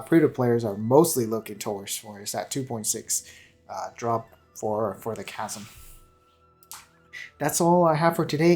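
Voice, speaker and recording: With music playing underneath, a gaming channel host talks through a game casually and off the cuff, rambling, hesitating and often correcting or repeating himself. He has a fairly low, darkish-toned voice.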